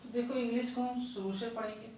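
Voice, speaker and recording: A man's voice: very high voice, little pitch movement, darkish tone. Man teaching from afar in an echoey room. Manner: asks questions and answers them himself; spells out letters slowly one by one. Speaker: English teacher. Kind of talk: classroom grammar lesson. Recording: echoey room, voice from far off, faint noise.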